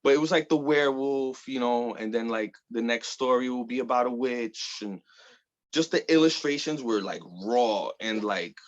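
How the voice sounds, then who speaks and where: Here the same kind of speaker, a Bronx-born guest artist in his thirties, talks at a moderate pace with a medium-pitched voice over a muffled recording. It's a loose interview chat peppered with fillers and offhand cursing.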